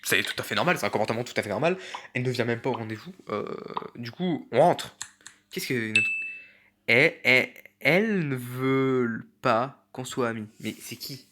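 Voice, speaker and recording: Lively sarcastic French gaming commentator man. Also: medium pitch, moderate pace, noisy background. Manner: sarcastic, exclaiming, mocking the spelling mistakes; reads the in-game messages aloud in a flat voice. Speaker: gaming YouTuber. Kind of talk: casual commentary reading a chat story game aloud.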